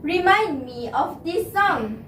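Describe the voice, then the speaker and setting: A woman's voice: very high voice, lively intonation, slow. A female speaker with a Malaysian accent delivering rehearsed, projected solo lines on stage. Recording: distant, echoey hall with background noise.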